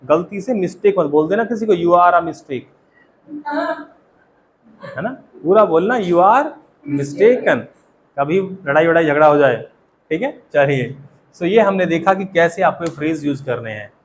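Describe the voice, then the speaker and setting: A fairly high-pitched man with an Indian accent teaches a classroom of students in a lively way. He slows down to model each English phrase and quizzes the class often. A faint hum of room noise sits behind him. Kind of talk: classroom lesson.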